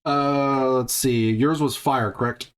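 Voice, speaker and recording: Game master, male, mid-pitched and patient: talks the rules through out loud and corrects himself along the way. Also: steady tone, slow pace, smooth. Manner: explains rules patiently, thinking aloud with restarts. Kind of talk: running a tabletop game session.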